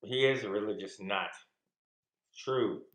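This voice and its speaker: A man's voice: fairly low pitch, unhurried, a bit bright. An older man, chatting casually as a guest and giving dry, blunt opinions. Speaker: streamer's father, guest. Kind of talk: casual chat. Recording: echoey room.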